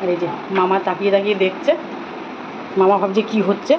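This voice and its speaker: A woman's voice: mid-range voice, little pitch movement, brisk. A woman narrating a home video of her dogs, slipping into sing-song baby talk and repeating words as she coaxes them. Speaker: home vlogger filming her dogs and puppies. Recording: dull lo-fi phone audio with clear background noise.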